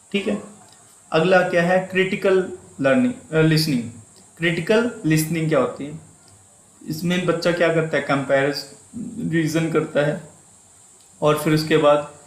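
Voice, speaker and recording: A male teacher with a Hindi accent giving an exam-prep lecture, repeating key terms and asking and answering his own questions while mixing English words into his talk. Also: fairly high pitch. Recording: echoey room.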